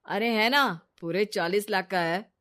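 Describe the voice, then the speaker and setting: A woman's voice: mid-range voice, a little slow, a bit bright, natural voice. A woman voicing a scheming, jealous young woman who talks in a sly, pushy way.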